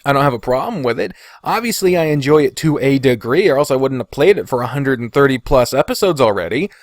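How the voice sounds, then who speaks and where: A podcast host and video creator speaks in a mid-range, expressive voice, talking fast. He's casual, candid and rambling, hesitating, qualifying what he says and swearing now and then. The studio recording is clean, with no echo.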